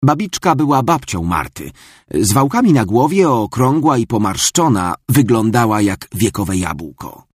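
A man reads a children's story in a fairly low, husky voice. His pitch moves in a lively way from phrase to phrase. The sound is dry and close. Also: unhurried, dry recording. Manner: expressive storytelling. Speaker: narrator. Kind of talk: children's story read aloud.

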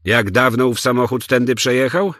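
A man voicing a sharp, commanding police commissioner in an audiobook, speaking in clipped, urgent commands. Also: medium pitch, normal speed, no room sound, clean studio sound, voice pushed up, lightly acted.

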